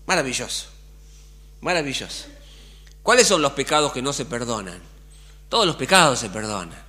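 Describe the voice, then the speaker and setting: A man's voice: mid-range voice, sing-song, normal speed, sharp tone. A middle-aged man with an Argentine accent preaching a sermon as pastor, colloquial and full of rhetorical questions. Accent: Argentine Spanish.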